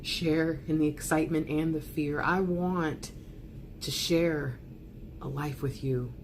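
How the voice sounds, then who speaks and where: A woman giving a soft ASMR tarot love letter reading, speaking intimately and earnestly, with dramatic pauses. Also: low voice, steady tone, slight background noise.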